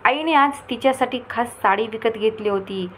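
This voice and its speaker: A woman's voice: on the high side, moderate pace, a bit bright, a little hiss or hum, low-quality recording. A woman narrating a family story.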